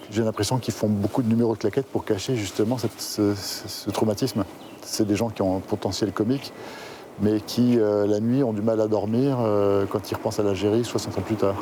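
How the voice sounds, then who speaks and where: A man speaks in a low, measured, thoughtful voice during an interview. He was recorded outdoors, with insects and birds loud behind him. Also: a little hiss or hum.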